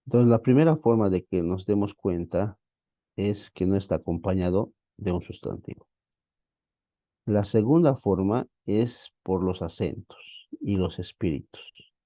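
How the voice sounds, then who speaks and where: Slow, deep-voiced man teaching biblical Greek. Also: no echo, highs cut off. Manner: patient, explanatory, addresses students as brothers. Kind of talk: online class lecture.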